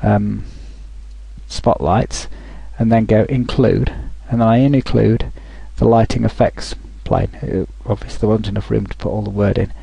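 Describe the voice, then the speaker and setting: A man talking through a software tutorial over a screen recording, thinking aloud with frequent restarts. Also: on the low side, steady tone, normal speed, gravelly, slightly rough, no echo, low-quality recording.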